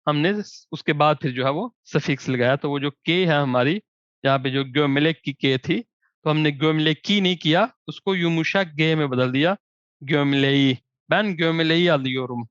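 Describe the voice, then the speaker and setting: A man with a somewhat high voice teaches a grammar lesson and lingers on each example word before moving on. The recording is dry and close. It has a slightly dull, lo-fi tone. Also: fairly bright tone, clear, resonant tone, no echo. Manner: slow, drawn-out example words between quick explanation. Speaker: language teacher. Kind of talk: explaining grammar with spoken examples.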